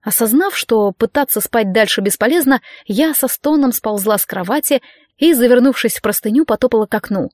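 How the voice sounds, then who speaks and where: Lively woman reading a fantasy audiobook. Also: dry recording, studio quality. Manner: reads lively, voicing other characters with a raised pitch. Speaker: audiobook narrator.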